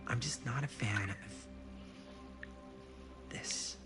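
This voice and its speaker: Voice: mid-range voice, takes it slowly, music in the background, natural voice. An actor playing an uneasy young local confiding in a friend in a video game, naturalistic.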